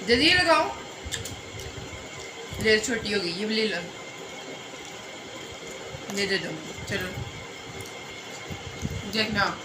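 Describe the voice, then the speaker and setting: A woman's voice: mid-range voice, animated, slow pace, pauses often, noisy background. A woman chatting casually to her viewers as friends in a home vlog, filmed on a phone. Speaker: family vlogger. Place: family home indoors.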